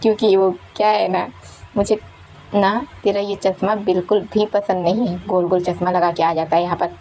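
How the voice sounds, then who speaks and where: A woman voicing a rude, quick-tempered young man who mocks and bosses others in a retold fan story. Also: medium pitch, flat delivery, warm tone, a little hiss or hum, close to an everyday voice. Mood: mocking. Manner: taunting, bossy retorts.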